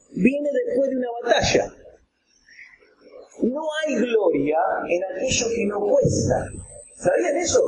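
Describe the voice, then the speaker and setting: A man with an Argentine accent preaching a sermon, acting out examples and breaking into shouts. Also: very high voice. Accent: Argentine Spanish. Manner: animated, acts out examples with props, bursts into shouts. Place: church hall. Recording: roomy hall echo, faint ambient noise.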